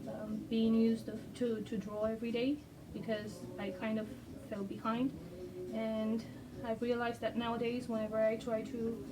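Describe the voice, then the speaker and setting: A non-native English speaker sketches on camera in a rambling, casual vlog, pausing often, saying um a lot, and being self-deprecating. Her voice is a little high, and a distant mic picks up background music along with other noise.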